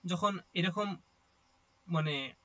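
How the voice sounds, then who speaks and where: A man's voice: sits high, extremely slow, a bit bright, muffled recording. A man teaching a class, explaining step by step and often checking that listeners follow. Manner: explains step by step, often asks "ঠিক আছে?". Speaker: Sanskrit teacher. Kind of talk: explanatory lecture.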